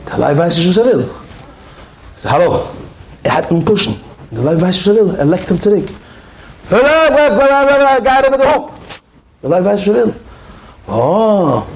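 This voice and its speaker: A man telling a story in a lively way, acting out roars and shouts and mixing English words into his speech. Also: mid-range voice, echoey room, a little hiss or hum. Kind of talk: animated storytelling.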